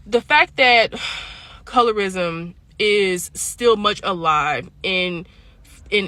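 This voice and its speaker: A woman's voice: medium pitch, bright, forceful tone. A mother telling a personal story to the camera, earnest and close to emotional as she talks. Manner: earnest and emotional, holding back tears.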